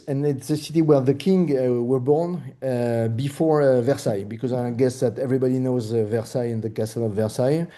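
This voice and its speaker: A man with a French accent walks through his local property market over a video call. His voice is very dark and mellow, and he hesitates often, restarting phrases. The sound is plain call audio. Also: mid-range voice. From France. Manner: hesitant, many fillers and restarts. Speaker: real estate broker presenting his market.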